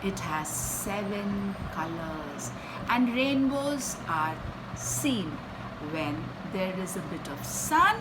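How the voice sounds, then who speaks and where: Dramatic and teacherly, a woman reads aloud a story for children, leaving pauses between short phrases and repeating words for emphasis. She speaks at medium pitch against heavy background noise.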